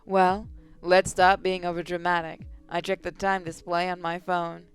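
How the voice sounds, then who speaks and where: A woman's voice: lowish voice, normal speed, smooth, soft background music, close to an everyday voice. Woman playing a jittery young inventor. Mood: brooding. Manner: breathless, voice shaking when excited. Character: young female inventor, nervous and excitable. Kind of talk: first-person audio drama narration.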